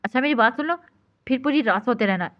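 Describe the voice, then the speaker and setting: A woman's voice: on the high side, expressive, natural voice. A woman doing a bossy, nonstop-talking girlfriend. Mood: scolding. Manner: rapid nonstop scolding. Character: bossy chattering young woman on phone. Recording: dull lo-fi recording.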